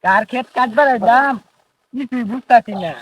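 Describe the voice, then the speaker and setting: A man's voice: extremely high pitch, moderate pace, slight background noise. A man with a rural Bangladeshi accent playing a bossy, grumbling village farmhand in an amateur comedy skit.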